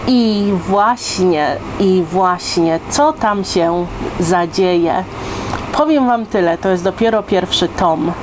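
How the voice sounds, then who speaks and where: Sitting on a sofa in her living room, a woman in her thirties gives a chatty book review to camera, often asking her listeners rhetorical check-in questions. Her voice is on the low side, with background noise.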